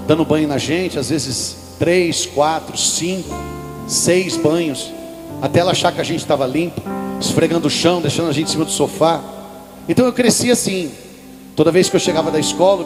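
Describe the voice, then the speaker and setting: At a religious event in a large hall, a Brazilian man with a fairly high-pitched voice preaches a sermon in Brazilian Portuguese. He tells a personal story and speaks straight to the congregation. The recording carries live hall reverb with music behind him.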